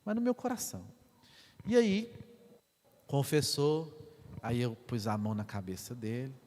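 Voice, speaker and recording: A parish priest from Brazil, telling a sermon story in an animated way. His voice sits mid-range for a man and drops to a hush before rising loud again. A long church reverb trails each phrase. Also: mid-range voice, unhurried.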